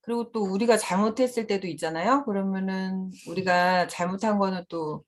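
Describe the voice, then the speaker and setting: Brief: middle-aged woman, seminar speaker, candid and laughing easily, mid-pitched voice. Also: steady tone, normal speed. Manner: candid, laughing often while recounting. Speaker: seminar speaker, mother and school principal. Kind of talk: conversational seminar talk.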